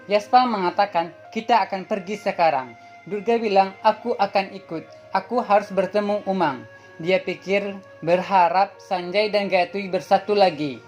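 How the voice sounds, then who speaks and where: A woman reading an episode synopsis aloud in a plain, steady way, now and then stumbling over a word. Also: mid-range voice. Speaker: channel host summarizing a TV serial.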